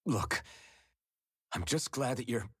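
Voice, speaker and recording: A man's voice: mid-range voice, background noise. A man voicing an earnest, protective young hero in a video game, sounding concerned.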